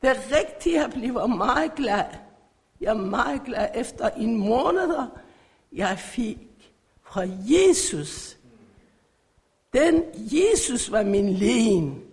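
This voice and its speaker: A middle-aged woman from Iran, giving an emotional church faith testimony in halting phrasing. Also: a little high, very animated. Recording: echoey hall.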